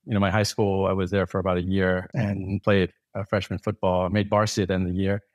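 A Thai man in his forties with a lowish voice appears as a podcast guest, telling long, rambling stories packed with restarts and fillers in casual interview style. He speaks fast in a level tone, recorded dry and close with no echo.

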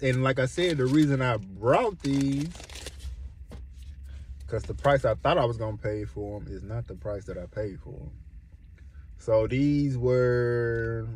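Man, casual snack review, relaxed and talkative, average pitch, light traffic noise in background. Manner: laid-back, chatty, repeats himself, chuckles often. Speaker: food reviewer. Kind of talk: casual product review vlog.

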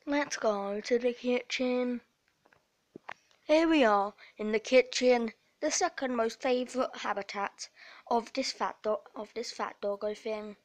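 A young woman with a slightly high voice narrates her pet in a mock nature-documentary tone. Her delivery is playful, with deadpan seriousness. It sounds like it was recorded casually at home. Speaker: vlogger narrating her dog. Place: at home indoors.

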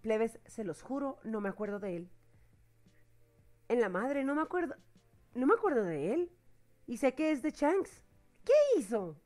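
A woman with a Mexican accent chats through a reaction video in a high, youthful voice. Her talk is slangy and loose, and she keeps stopping to correct herself. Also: big pitch swings, a little slow, pauses often, a little mellow, faint music behind. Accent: Mexican Spanish. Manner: chatty, slangy, self-correcting, laughs often. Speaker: anime reaction youtuber. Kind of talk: casual reaction commentary.

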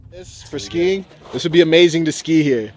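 A young man filming a travel vlog outdoors in the mountains on a selfie stick camera, excitable and whooping as he rides up and paraglides. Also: on the high side, normal speed, slight background noise. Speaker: travel vlogger. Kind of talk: casual vlog narration. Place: outdoors on a mountain, cable car then paragliding.

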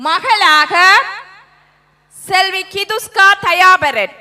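A woman announcer gives a formal, measured introduction of a play's cast. Her voice is very high and very bright, and she speaks slowly.

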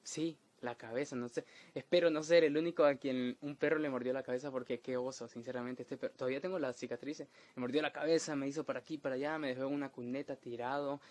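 A young man tells a funny story in a relaxed monologue. His humor is crude and self-mocking, and his delivery is deadpan. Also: mid-range voice, fast talker. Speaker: comedic storyteller. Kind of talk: casual comedic monologue.

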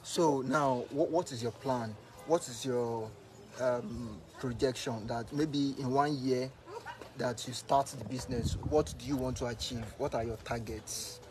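A man with a Nigerian accent asking polite, measured interview questions with fillers. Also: medium pitch, steady tone, over music.

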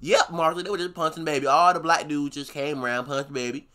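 A young man playing a flabbergasted folksy gossip for a comic reaction video, halting and scandalised. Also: a little high, steady tone, pushed and bright, smooth, voice pushed down. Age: young adult.

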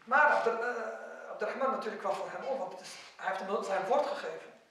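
A man preaching in a mosque, telling a story and acting out the quoted figures with sudden rises and drops in loudness. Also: high-pitched, fairly quick, a little hiss or hum. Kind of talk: mosque lecture. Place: mosque hall. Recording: very echoey hall, distant mic.

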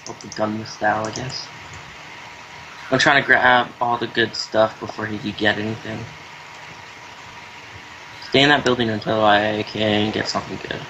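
A man's voice: fairly low pitch, little pitch movement, moderate pace, pauses often, noisy background. A young man playing a game with a friend, joking around and bossing the moves. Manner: joking, bossy with directions. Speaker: co-player. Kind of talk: casual let's-play chat.

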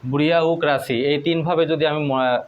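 A man teaching English spelling tricks, spelling words out letter by letter in a slow, deliberate way. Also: fairly high pitch, steady tone, dull audio. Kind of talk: spelling lesson.

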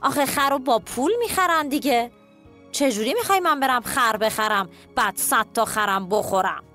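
A woman voicing a greedy male wolf in a children's cartoon story, grumbling in a low, complaining tone. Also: lively intonation, bright, forceful tone, faint music behind. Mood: puzzled.

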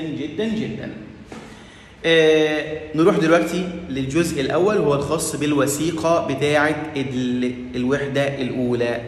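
A man with an Egyptian Arabic accent teaching a lesson, explaining a French text and acting out its dialogue lines. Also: on the high side. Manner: lively, acts out dialogue lines in a raised voice.

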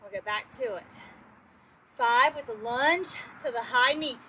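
A high, bright woman's voice as a woman leads a workout class, cueing moves and counting down the reps while she is out of breath from exercising too. She speaks in an unhurried way and keeps urging the class on, with faint traffic noise behind her. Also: animated. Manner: encouraging, counts down intervals, works out while talking. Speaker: fitness instructor.

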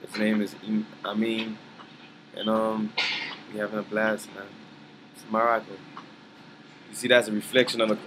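A man talks easily into a handheld camera on an outdoor balcony, his speech loose and full of slang. His voice sits low and barely rises or falls. Traffic and air-conditioning hum run clearly beneath him. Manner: laid-back slangy talk, frequent "you feel me". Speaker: musician vlogging from a trip. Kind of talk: casual vlog update.

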